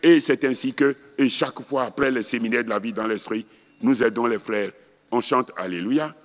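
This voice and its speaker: An older man teaches at a charismatic gathering, telling stories with animated delivery and breaking into chanted syllables. His voice carries a long reverb from a large hall, and his pitch sits mid-range. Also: moderate pace. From West Africa. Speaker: preacher.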